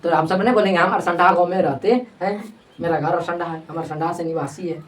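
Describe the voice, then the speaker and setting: A woman's voice: on the low side, fairly even intonation, brisk, slight background noise. Woman teacher drilling pupils, distant mic. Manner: repetitive call-and-response questioning. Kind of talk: classroom grammar lesson. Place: coaching classroom with pupils.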